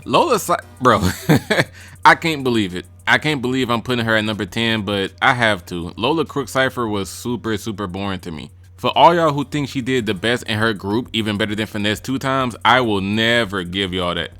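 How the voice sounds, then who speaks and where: A man's voice: on the low side, moderate pace, sharp tone, soft background music. A man giving casual ranking commentary on rap verses, blunt, profane and mocking. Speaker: music reaction vlogger.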